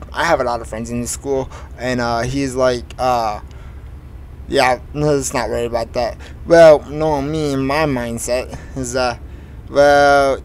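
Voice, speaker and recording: A man's voice: mid-range voice, darkish tone, a little hiss or hum, low-quality recording. A teenage boy casually telling a long school story while playing a truck driving game, rambling with many fillers and restarts. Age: teens. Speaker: gaming streamer.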